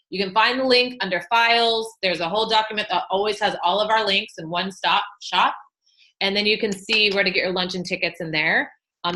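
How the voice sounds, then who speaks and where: A young woman hosting a team call, reading out shout-outs and announcements in an enthusiastic, chatty, cheerleading way with frequent fillers. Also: mid-range voice. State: newly pregnant and feeling sick.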